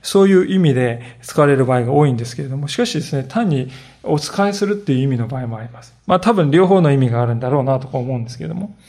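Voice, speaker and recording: A man preaching a sermon as a pastor, telling the story with earnest, animated delivery. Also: mid-range voice, very fast, hardly any pauses.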